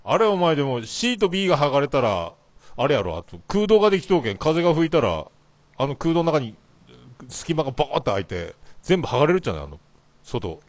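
A man in his late forties from Fukuoka with a Hakata dialect accent, teasing an old friend in rough, casual banter over a video call. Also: a little high, very animated, quick pace, no room sound. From Fukuoka, Japan. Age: late 40s. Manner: teasing, rough-mouthed, trailing off into mutters. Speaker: co-host.

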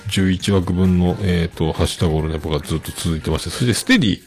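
A man's voice: sits low, steady tone, fast, darkish tone, faint music behind. A middle-aged man hosting a podcast, chatting casually and rambling with many fillers as he reads listener mail. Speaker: podcast host.

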